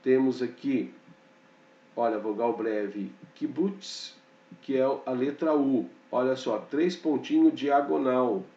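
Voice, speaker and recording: A man teaching a slow, explanatory grammar lesson, pointing things out on a board and checking in often with short fillers. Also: medium pitch, warm tone, recorded from a distance. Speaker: Hebrew teacher. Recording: dull, echoey room, off-mic.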